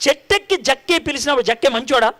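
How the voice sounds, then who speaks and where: High, bright-voiced male preacher. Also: fast talker. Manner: animated storytelling, acting out dialogue and quizzing the congregation. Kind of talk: sermon.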